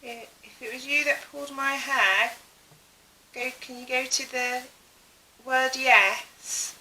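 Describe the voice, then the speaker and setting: Female séance participant, high and extremely sharp voice, questioning spirits, faint hiss. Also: steady tone, takes it slowly, poor audio. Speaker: ghost hunt participant.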